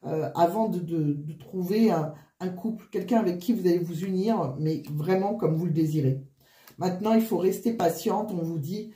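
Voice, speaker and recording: Woman card reader w flu, wheezy n out of breath, mellow, hesitant, roomy echo. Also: fairly low pitch. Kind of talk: casual spoken card reading.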